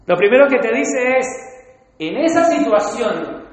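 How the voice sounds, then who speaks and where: A man preaching a sermon, emphatic, swinging between loud and soft delivery. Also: very high voice, sing-song, unhurried. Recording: heavy reverb of a large hall.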